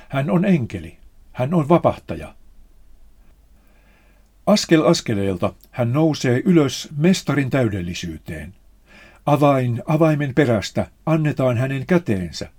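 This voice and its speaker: A man reading a spiritual text aloud in a measured, solemn manner. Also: medium pitch, dark tone.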